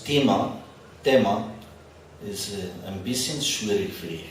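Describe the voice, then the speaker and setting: Speaking to a live crowd at an expo, a non-native English-speaking spiritual teacher delivers a chatty lecture with touches of humor. His lowish voice is expressive and a little slow. The recording picks up background noise and heavy echo from the big hall, with the mic far away.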